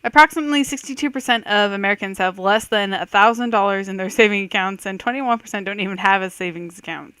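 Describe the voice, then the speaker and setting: A woman's voice: mid-range voice, quick pace, hardly any pauses, a bit bright, clean tone, no room sound. A woman giving casual, chatty commentary on a quiz game, reading questions aloud and reacting with self-doubting thoughts. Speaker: host of a let's-play quiz video.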